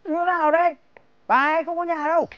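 An actor playing a grumpy, stingy old village chief who scolds and grunts, speaking. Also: male voice, very high-pitched, level tone, fast, dull audio. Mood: gruff. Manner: bossy, scolding, full of grunts. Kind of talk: slapstick comedy film acting.

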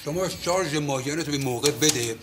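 Man playing a wheedling building manager, insistent, high-pitched, comedy series, noisy recording. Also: lightly acted. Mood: coaxing. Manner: wheedling, insistent, calls others "dear". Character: pushy smooth-talking male building manager chasing money. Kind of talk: Persian TV comedy series acting.

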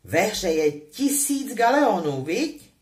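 A woman's voice: mid-range voice, very animated, darkish tone, close to an everyday voice. A woman voicing a sulky, sarcastic teenage boy wizard in a storybook reading, with a forced, mocking tone.

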